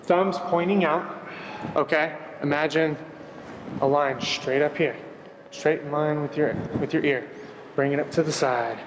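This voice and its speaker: A man's voice: on the high side, unhurried. A man working as a fitness trainer, coaching a workout with an upbeat, encouraging manner and counting reps. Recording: echoey hall with background noise.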